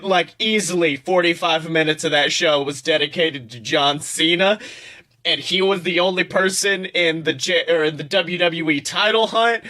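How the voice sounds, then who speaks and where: Bright and forceful with a slightly high pitch, this young man banters as a comedic podcast co-host, full of slang and free swearing, treating silly ideas with mock gravity.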